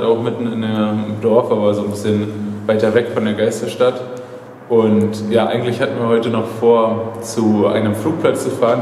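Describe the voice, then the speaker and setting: A man's voice: medium pitch, a little hiss or hum. Young man in an echoey empty room. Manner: relaxed, explaining with many fillers. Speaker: urban explorer vlogger. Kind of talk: casual vlog talk to camera. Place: inside an abandoned building, bare room. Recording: echoey bare room with long reverb.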